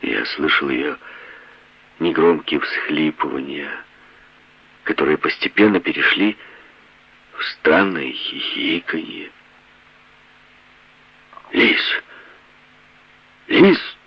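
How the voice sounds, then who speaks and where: A man narrating a novel in a measured, unhurried reading voice. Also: extremely low pitch, vocal fry, breathy edge. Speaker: audiobook narrator. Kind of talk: scripted narration. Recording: dry, dull lo-fi audio.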